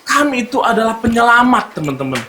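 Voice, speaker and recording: A man with a Palembang accent performing a stand-up comedy set, telling his story with big swings between shouts and low asides. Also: sing-song, quick pace. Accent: Palembang Malay. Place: stage at a live comedy show. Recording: echoey venue, loud background noise.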